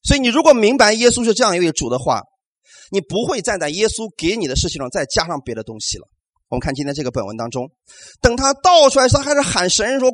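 A man preaching a sermon, animated, asking rhetorical questions and calling out amens to the congregation. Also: high-pitched, no echo. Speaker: pastor.

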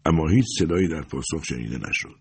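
A man narrating a story as an audiobook in a steady, measured reading. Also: very deep voice, husky.

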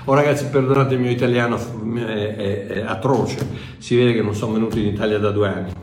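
A man's voice: lowish voice, fairly even intonation, brisk, a little mellow, a little hiss or hum. Echoey older man preaching informally. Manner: emphatic repetition, self-correcting, conversational. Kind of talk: informal sermon, teaching directly to listeners.

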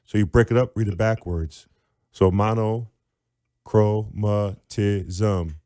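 Male teacher-author guest, animated explainer, low warm voice, dry close sound. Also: normal speed, dry recording. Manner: animated, demonstrates sounds aloud.

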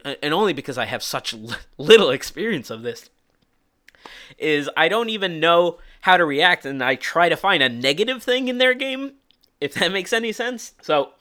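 A young man hosting his own podcast, chatting casually with lots of fillers and restarts, hoarse from a cold. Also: on the high side, bright, forceful tone. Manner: rambling, full of fillers and restarts. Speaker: podcast host. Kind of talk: casual solo podcast talk.

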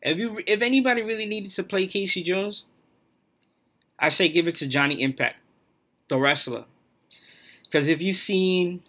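A man hosts a solo podcast and talks in a blunt, profane, opinionated way. His voice sits a little high for a man and sounds bright and forceful. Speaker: podcast host.

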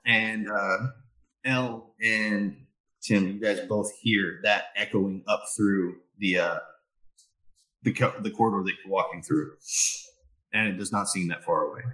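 A man running a tabletop game as game master, setting scenes in an unhurried way with plenty of fillers. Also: lowish voice, fairly even intonation, sharp tone, recorded from a distance, rough recording.

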